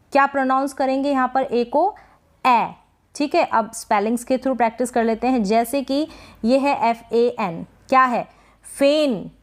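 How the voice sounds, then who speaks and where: A woman teaching English pronunciation, slowly repeating words and quizzing the listener. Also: fairly high pitch, darkish tone. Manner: slow drilled word repetition with quiz questions. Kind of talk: spoken-word pronunciation lesson.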